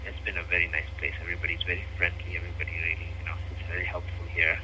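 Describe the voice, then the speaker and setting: In a rough interview recording, a Nepali-accented doctor from Nepal speaks earnestly at a racing pace. His voice is very low but bright and forceful, delivered in a monotone and broken by frequent fillers and hesitations, with faint noise on the line.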